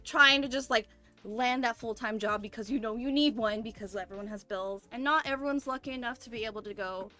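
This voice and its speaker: A young woman with a bright, fairly high voice shares things casually on a group stream. She sounds earnest and reflective as she talks, with music playing faintly behind her. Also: a little fast. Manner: earnest, reflective storytelling with frequent 'like'. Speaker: member of a streamer group of artists. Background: background music.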